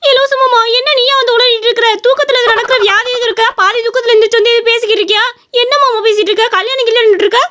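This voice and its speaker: Cartoon: teasing young woman, very high and bright, voiced by a woman. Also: fairly even intonation, fast. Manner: teasing, sassy. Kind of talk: cartoon voice acting.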